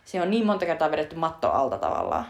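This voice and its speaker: Chatty woman with a lowish voice. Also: sing-song, gravelly. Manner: chatty retelling full of fillers, breaks into laughter. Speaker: podcast co-host discussing a film. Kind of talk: casual chat.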